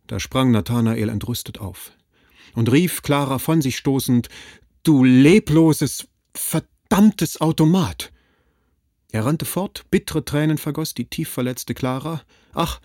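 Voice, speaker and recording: A man narrating a classic literary story in a measured, dramatic reading. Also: mid-range voice, a little mellow, no room sound, clean studio sound. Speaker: audiobook narrator.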